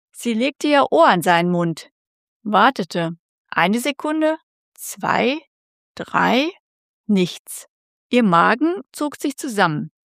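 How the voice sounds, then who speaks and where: A woman reading a tense story aloud as narrator, with slow, measured delivery. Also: mid-range voice, dry recording, studio quality. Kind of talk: scripted narration.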